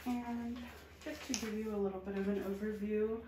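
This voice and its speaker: A woman doing a soft-spoken ASMR role-play as a medical examiner, calm, reassuring and procedural. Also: mid-range voice, moderate pace. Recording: roomy echo, faint background noise.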